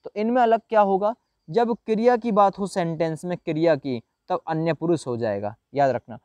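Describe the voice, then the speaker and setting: A man's voice: sits high, mellow, no echo. A man teaching a grammar lesson to a class of viewers, calling them friend and brother and acting out example sentences as he asks them questions.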